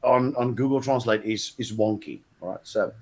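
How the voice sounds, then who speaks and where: A man's voice: mid-range voice, moderate pace, a little mellow. South African man telling stories casually. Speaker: panelist on a chat show. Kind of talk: casual chat and storytelling.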